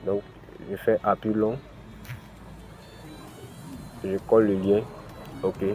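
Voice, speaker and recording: This crypto channel host, who has an African French accent, explains a screen-recorded tutorial slowly and step by step, sprinkling in "ok" and "voilà" often. His lowish voice is level and a little mellow, with faint music behind.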